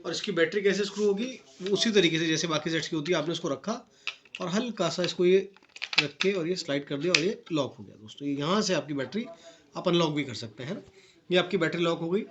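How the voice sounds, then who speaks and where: In a muffled recording with a crowd in the background, an Indian man with a slightly high voice speaks fast while reviewing a product he's unboxing. He explains features to viewers in a friendly manner, mixing in English, amid room echo, steady noise and clicks.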